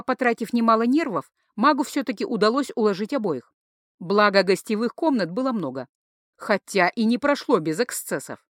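A woman reading an urban fantasy audiobook in an expressive, lively manner. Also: on the high side, no echo, studio quality. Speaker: audiobook narrator. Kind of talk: scripted narration.

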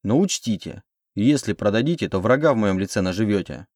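A man voicing a sharp-tongued captive young woman. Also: fairly low pitch, lively intonation, fairly quick, no room sound, studio quality. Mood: sarcastic. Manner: pleading and sarcastic.

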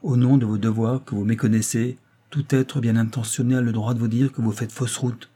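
A man reading aloud voices a stern doctor, speaking with grave, calm authority. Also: medium pitch, a little fast, husky, natural voice. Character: stern calm male doctor, family friend.

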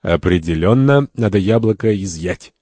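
A man's voice: low voice, animated, normal speed, dark tone, no room sound. A man voicing a scornful, power-hungry male bully in a stage-play reading. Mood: sneering. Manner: sneering, contemptuous.

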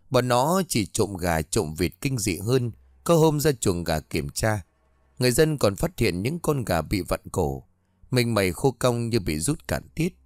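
A man narrating a ghost story with an expressive reading. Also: on the low side, no echo, clean studio sound.

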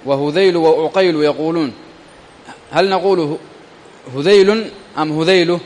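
A man giving a classroom grammar lesson, reading a text aloud slowly before stopping to explain it and question his students. His voice sits a little high for a man. The sound carries a long hall reverb. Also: darkish tone. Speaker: Arabic grammar teacher.

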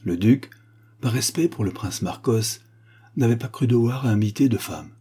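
Man, audiobook narration, measured storytelling, breathy, raspy. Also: mid-range voice, dark tone. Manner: measured storytelling with acted quotes. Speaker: audiobook reader. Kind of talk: scripted narration.

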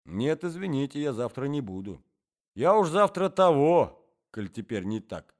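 A man voicing a hoarse, gruff, very tall gentleman who grumbles. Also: medium pitch, very animated, measured pace, voice pushed up.

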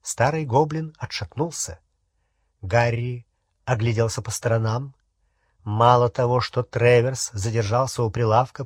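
Male audiobook reader, husky, measured, dry close sound. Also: medium pitch, dry recording. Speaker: audiobook narrator. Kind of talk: audiobook narration.

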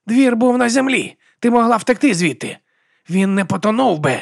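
A man reading an audiobook voicing a loud, cheerful, reckless warrior woman. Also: high voice, very animated, moderate pace, creaky, no room sound, studio quality, voice pushed up, exaggerated voice. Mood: gleeful.

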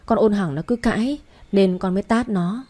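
A woman reading the part of a harsh, spiteful senior wife who scolds in a shrill, hissing way, in a narrated story. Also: moderate pace, warm tone, close to an everyday voice. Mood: flustered.

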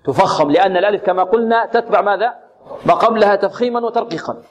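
A man teaching Quran recitation, patiently repeating syllables slowly and asking and answering his own questions. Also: high voice. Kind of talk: tajweed lesson with recited examples.

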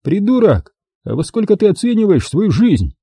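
A swaggering, sneering detective sidekick, as a male reader puts him on in a lively, husky, dark-toned voice pitched well above the reader's own. His threats swing up and down with mocking bravado, recorded close and dry like a studio audiobook. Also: moderate pace, dry recording, exaggerated voice. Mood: menacing. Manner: mocking, menacing bluster.

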